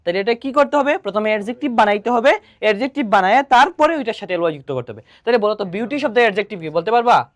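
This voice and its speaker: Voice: mid-range voice, expressive, rapid-fire. An exam-prep grammar teacher, who asks students questions and answers them straight away. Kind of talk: exam-prep lesson explaining grammar rules.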